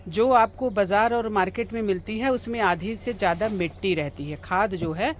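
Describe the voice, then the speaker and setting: A woman's voice: medium pitch, normal speed, a little hiss or hum. A woman gardening vlogger outdoors in her home garden in hot sun, chatting casually and explaining each step to her viewers. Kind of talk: casual how-to vlog.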